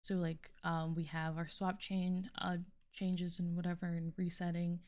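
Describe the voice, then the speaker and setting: A young adult woman, a student, gives an informal, halting walkthrough of a programming project, thinking aloud as she goes and sometimes trailing off. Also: lowish voice, flat delivery, a little mellow. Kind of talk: informal screen-recorded code walkthrough.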